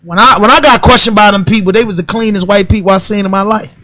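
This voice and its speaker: A man's voice: high-pitched, quick pace, bright, forceful tone, dry recording. A man in his forties with a Baltimore accent, hosting a podcast and asking blunt, probing questions in loose street talk. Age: 40s. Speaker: podcast host. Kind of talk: casual interview chat.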